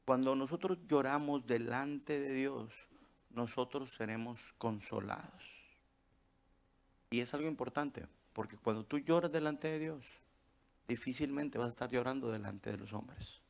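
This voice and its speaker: A man's voice: mid-range voice, a little slow, vocal fry. A man preaching a sermon as pastor, tossing out rhetorical questions and checking in with the congregation as he goes.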